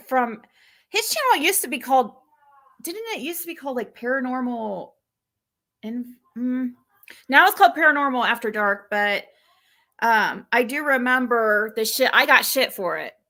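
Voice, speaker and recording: With a high-pitched, pushed and bright voice, this young livestream host gives casual commentary on an old clip. She rambles and self-corrects as she chats.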